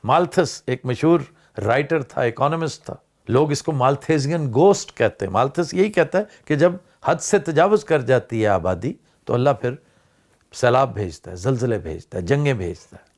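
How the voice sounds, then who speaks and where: A man's voice: medium pitch, expressive, darkish tone. An older man, musing aloud as a vlog host in casual commentary and mixing in English words. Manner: discursive, rising and falling emphasis, mixes in English words.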